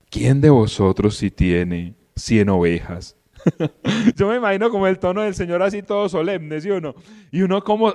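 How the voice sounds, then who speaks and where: A man giving an animated, conversational Bible teaching. He keeps asking his listeners rhetorical questions. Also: high voice, big-room sound. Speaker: Bible teacher and podcast host.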